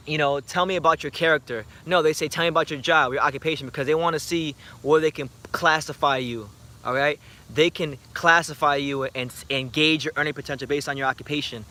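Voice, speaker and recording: A man in his twenties hosting a boxing channel, chatting late at night and answering viewer comments in an animated, rambling way with many restarts. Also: a little high. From United States. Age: 20s. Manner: animated, rambling, frequent repeated starts. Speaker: YouTube boxing channel host.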